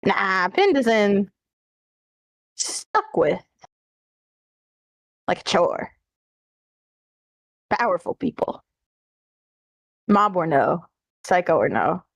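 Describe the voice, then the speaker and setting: A woman's voice: on the low side, sing-song, extremely slow, creaky, long pauses, no room sound, heavily acted. A woman voicing a smug, worldly lawyer to the rich and infamous in a fan dub, wry and flippant. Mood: cool, dismissive. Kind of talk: fan dub character acting.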